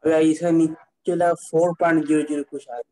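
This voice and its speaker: Mellow-voiced male student. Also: on the high side, flat delivery, fast talker, rough recording. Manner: hesitant, reads numbers aloud. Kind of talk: asking questions in class.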